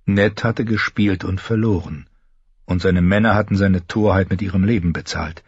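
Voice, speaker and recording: A man narrates a fantasy novel in a measured, somber manner. His voice sits low with a husky grain. The close-miked recording is dry and somewhat dull. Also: steady tone, dry recording. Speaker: audiobook narrator.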